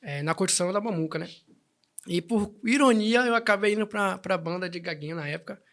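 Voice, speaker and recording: Here a band president from Salvador, Bahia, Brazil, chats as an interview guest, restarting often as he relates his story. He talks briskly in a high, slightly bright voice, and the conversation is relaxed.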